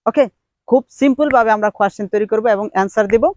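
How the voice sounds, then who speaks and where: A man's voice: high-pitched, rapid-fire, no room sound, rough recording. A Bangladeshi man teaching an English lesson on his YouTube channel. He switches between Bengali and English and drills short questions and answers with energy. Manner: moves his body while speaking.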